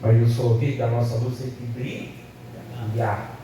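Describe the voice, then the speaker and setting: A man's voice: mid-range voice, little pitch movement, normal speed. A man preaching a sermon as pastor, often asking the congregation "amém?" and "né?". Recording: very echoey hall, distant mic, faint room noise.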